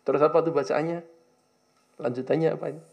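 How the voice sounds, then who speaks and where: A man with a somewhat raised, gravelly voice teaches a classroom lesson on an Arabic religious text. He translates the text slowly, line by line, then questions his students and coaxes them to speak up. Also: a little high, steady tone, lo-fi sound. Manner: questioning, coaxing students to answer. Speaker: Islamic teacher.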